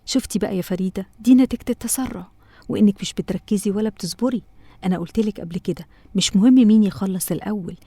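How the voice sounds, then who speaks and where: A patient, loving cartoon mother, voiced by a woman with an Egyptian accent, talking very fast in a mellow voice. She coaxes gently. The sound is dry and close. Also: mid-range voice, no echo, natural voice. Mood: coaxing. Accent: Egyptian Arabic. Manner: gentle, coaxing. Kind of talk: cartoon voice acting.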